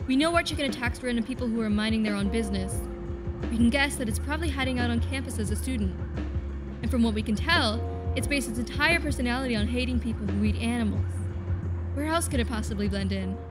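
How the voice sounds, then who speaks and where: A woman's voice: a little high, fast, music in the background, close to an everyday voice. A woman playing a brash, sarcastic young detective in a comedic short film. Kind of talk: comedic student film acting.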